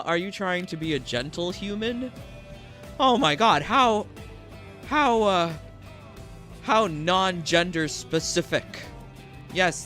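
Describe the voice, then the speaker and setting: A man's voice: high voice, pushed and bright. A man hosting a gaming channel, giving sarcastic, mocking let's-play commentary and laughing between lines.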